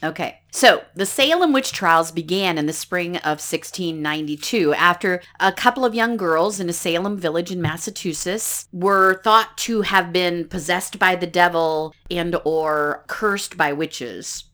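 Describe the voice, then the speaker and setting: A woman's voice: lowish voice, unhurried, hardly any pauses, fairly bright tone. A middle-aged woman with a congested, nasal voice, as if pinching her nose, chatting playfully as a podcast co-host. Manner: playful, silly word coinages. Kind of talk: casual chatty podcast talk.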